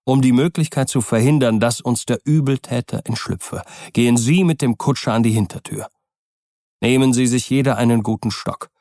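A man voicing a stern, determined middle-aged lawyer who gives firm orders, in a gravelly voice. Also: medium pitch, normal speed, dark tone, no room sound, studio quality, lightly acted. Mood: commanding. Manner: firm, commanding.

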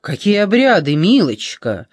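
A man's voice: sits high, sing-song, takes it slowly, dry recording, exaggerated voice. A man reading an audiobook, voicing a frightened, angry old woman with scornful, indignant outbursts.

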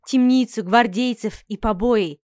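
A woman narrates a first-person novel in a measured, expressive way. Her voice sits a little high, and the dry recording has no room sound. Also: no echo. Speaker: audiobook narrator.

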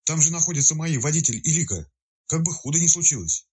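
A wheezing investigator, anxious and careful with his words, as a male storyteller puts him on. His voice is lifted above the reader's own and carries a husky grain, lively in its rise and fall. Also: on the high side, voice pushed up. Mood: tense. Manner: wheezing, measured.

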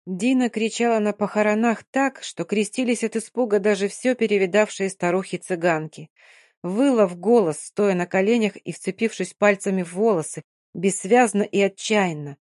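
A woman reads a novel aloud in a steady, measured storytelling voice. Her pitch is mid-range for a woman. The recording is close and dry, with no room sound. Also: no room sound. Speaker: audiobook narrator. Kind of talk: scripted narration of a novel.

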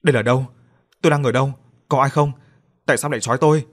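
A man's voice: mid-range voice, steady tone, rapid-fire, voice pushed up, lightly acted. A man voicing a frightened young woman crying out in panic. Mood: panicked.

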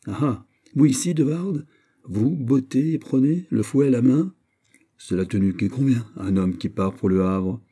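A man reading an audiobook voices a lively young count of the royal court, bantering and exclamatory. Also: low voice, moderate pace, hardly any pauses. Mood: cheerful.

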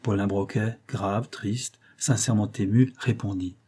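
A man narrating a novel in a measured, dramatic reading. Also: lowish voice, steady tone, dark tone, slightly rough. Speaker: audiobook narrator. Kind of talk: scripted narration.

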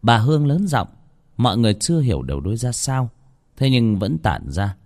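A man narrating a horror story with dramatic, expressive delivery. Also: medium pitch, a little fast.

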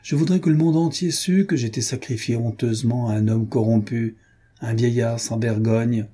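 A man's voice: mid-range voice, fairly even intonation, moderate pace, warm tone, breathy edge, lightly acted. Man voicing an impassioned young duchess. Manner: impassioned, indignant, theatrical. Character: passionate young woman, a duchess of the ballroom. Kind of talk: audiobook character reading.

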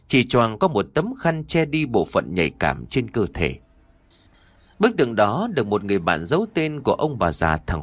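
A man narrating a horror story in an expressive storytelling manner. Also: mid-range voice, no room sound.

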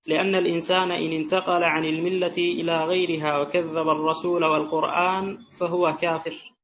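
Male reader, fairly high voice, even and deferential recitation, slightly muffled. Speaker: student reading the text aloud. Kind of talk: reading a classical text aloud. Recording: dull sound with faint hiss.

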